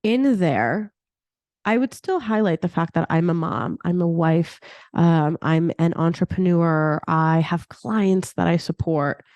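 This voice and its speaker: A podcast host in her thirties chats casually on her own show, laughing at herself often and using "like" as a filler. She speaks at a measured pace in a lowish, darkish voice, recorded with no room sound.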